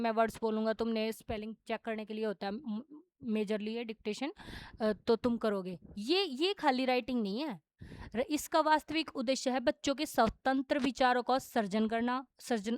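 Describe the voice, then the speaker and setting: A woman's voice: fairly high pitch, clean tone, no room sound. A young woman with a Haryanvi Hindi accent teaching an exam-prep lesson, explaining in a casual way with English terms mixed in.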